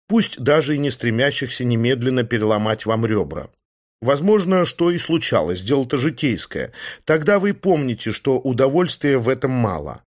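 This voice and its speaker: A man narrating a first-person audiobook with a wry, ironic manner. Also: medium pitch.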